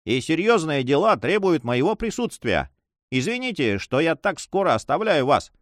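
Man doing a haughty, impatient nobleman, raised lively pitch, dry close sound, audiobook. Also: moderate pace, no room sound. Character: haughty, hurried male nobleman, a spy.

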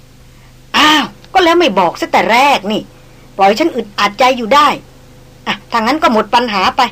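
A woman voicing a proud young noblewoman who stammers and hesitates with fillers, pitching her voice a little higher. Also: animated, moderate pace. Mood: insistent. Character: proud young noblewoman, haughty yet flustered.

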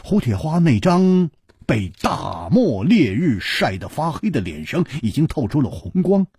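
Male storyteller, husky voice, wildly varied pitch, dramatic drawn-out phrasing. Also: sing-song, darkish tone, no room sound, studio quality. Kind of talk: long-form storytelling broadcast.

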